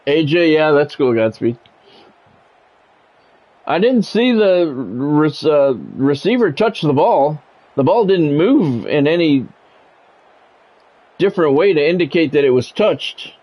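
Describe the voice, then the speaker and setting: An American man hosts a game livestream, talking casually and bluntly between stretches of play-by-play. His voice sits a little high and is expressive, and he takes his time with frequent pauses. The lo-fi audio sounds dull, with music playing behind him.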